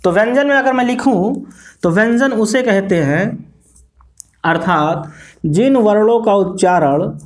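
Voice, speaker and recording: A man from India with an Indian accent teaching a grammar lesson, repeating phrases slowly as he writes and asking and answering his own questions. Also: sits high. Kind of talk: classroom grammar lesson at a board.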